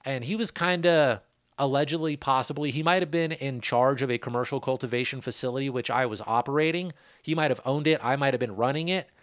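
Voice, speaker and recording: A man's voice: mid-range voice, brisk, dry recording. Laid-back middle-aged man hosting a podcast, chatty and rambling, on a dry close mic. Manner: rambling, loose, joking asides. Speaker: podcast host, cannabis grower. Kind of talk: casual rambling chat.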